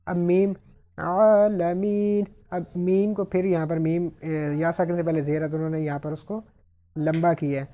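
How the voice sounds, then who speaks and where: Mellow-voiced man teaching Tajweed rules. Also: a little high, flat delivery. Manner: patient step-by-step explanation, slowly modelling words. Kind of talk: explaining recitation rules.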